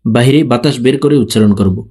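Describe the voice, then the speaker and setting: A man teaching letter pronunciation, explaining each sound slowly and then chanting it with long drawn-out vowels. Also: medium pitch, warm tone, breathy edge. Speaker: Quran reading teacher.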